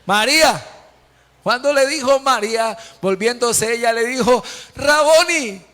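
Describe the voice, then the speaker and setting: A man's voice: extremely high pitch, normal speed, fairly bright tone. A man preaching a sermon as pastor, emphatic, quizzing the congregation with repeated questions. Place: church hall. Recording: long church hall reverb.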